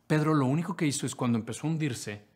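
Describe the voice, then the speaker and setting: A male pastor preaching a sermon. He speaks straight to the listener with questions and swings from loud, lively lines to hushed ones. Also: fairly high pitch, fast. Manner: dramatic, acts out quotes in swings from loud to hushed; addresses listener directly with questions.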